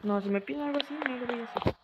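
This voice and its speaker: A woman giving let's-play commentary as a gaming host, excitable, yelping and laughing when startled. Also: fairly high pitch, racing, highs cut off, over music.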